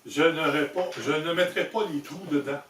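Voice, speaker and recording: A man with a Québécois French accent giving an informal hands-on product demonstration, explaining in a halting way with self-corrections. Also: on the high side, fairly bright tone. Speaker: presenter demonstrating motorcycle gear he designed. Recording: echoey room, distant mic, handling noise.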